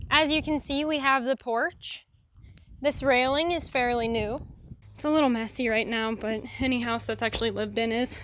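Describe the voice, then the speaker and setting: A woman's voice: a little high, a bit bright. A young woman casually vlogging a tour of a family home, chatty and rambling with apologetic asides. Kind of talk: casual house tour vlog.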